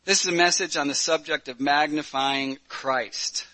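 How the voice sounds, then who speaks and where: Bright-voiced male preacher. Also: a little high, steady tone, moderate pace, rough recording. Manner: plain-spoken, self-deprecating with hesitant fillers. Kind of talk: sermon with story reading.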